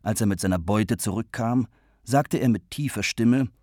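A man reading a literary story aloud, narrating in a measured, even way between the voiced characters. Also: on the low side, no echo, studio quality. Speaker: audiobook reader.

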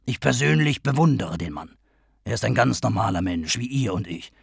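A man's voice: fairly low pitch, lively intonation, moderate pace, vocal fry, slightly rough, no room sound, clean studio sound, full character voice. A man voicing a hearty, blustering Irish canvasser who swears and talks with emphasis.

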